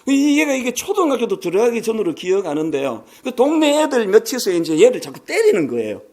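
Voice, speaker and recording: A man in his sixties preaches a sermon in a strikingly high voice. His pitch swings widely as he tells stories and drops in humorous asides. He sounds lively and conversational from the pulpit. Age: 60s. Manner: animated, storytelling with humorous asides. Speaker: pastor.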